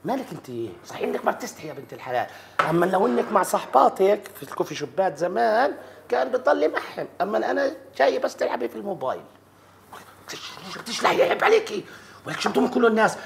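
A man's voice: high voice, animated, fast talker, gravelly, background noise. A man playing a bossy, jealous husband who scolds his wife nonstop in a comedy sketch. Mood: nagging. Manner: nagging, scolding, quarrelsome.

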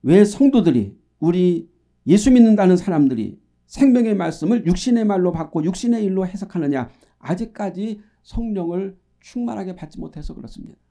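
A middle-aged man preaching earnestly as a pastor, moving between emphatic calls and quiet asides. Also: sits high, expressive, a little fast. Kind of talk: sermon.

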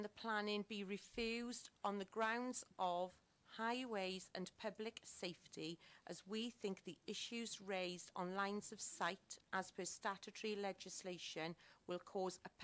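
A woman councillor reading out a motion in measured, formal phrasing, into a desk microphone in a council chamber. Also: medium pitch.

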